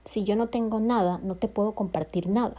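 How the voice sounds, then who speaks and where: A woman speaks in a mellow, warm voice, sharing relationship lessons in a casual vlog. She is expressive and dramatizes quoted lines with jumps in pitch and loudness. She restarts her sentences and laughs often. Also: brisk, muffled recording. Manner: frequent fillers and self-corrections, laughs often. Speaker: vlogger.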